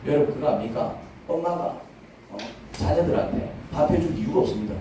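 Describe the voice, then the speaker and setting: Pastor preaching in an echoey church. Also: male voice, on the high side, expressive, fairly quick, recorded from a distance, background noise. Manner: conversational preaching with rhetorical questions. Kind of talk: sermon. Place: church sanctuary.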